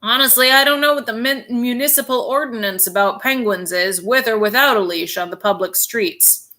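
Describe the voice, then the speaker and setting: A good-natured policeman from a children's story, loud and chatty as he puzzles things over. A woman voices him in a raised, bright tone. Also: fairly high pitch, moderate pace. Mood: puzzled.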